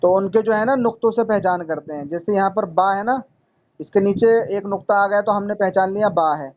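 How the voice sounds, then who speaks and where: A man's voice: high-pitched, a little fast, phone-quality sound. A man teaching a student to read Arabic letters, patient and repetitive, often calling the student son. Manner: patient, repeats points, calls the student son. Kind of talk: one-on-one lesson.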